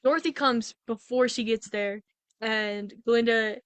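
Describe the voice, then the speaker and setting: A young woman co-hosting a podcast, chatting casually and rambling through a movie plot, acting out characters in quick quotes. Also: a little high, steady tone, clear, resonant tone, dry recording. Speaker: podcast co-host. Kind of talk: casual movie review chat.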